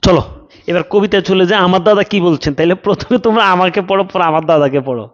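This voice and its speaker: Male teacher, patient and repetitive, voice a bit high, muffled stream audio. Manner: explains slowly, repeating lines for students to copy; reads out questions from live chat. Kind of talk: online class lecture.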